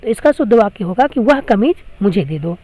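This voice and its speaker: A woman's voice: medium pitch, expressive, a little fast, dark tone. A woman teacher explaining grammar to school students, patiently repeating each question before giving the answer. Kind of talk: classroom grammar lesson.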